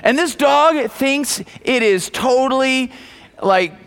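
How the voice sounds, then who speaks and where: A man's voice: very high voice, lively intonation, slow, fairly bright tone, smooth. A middle-aged male pastor preaching a sermon in a conversational way, asking the congregation questions and often repeating words as he restarts.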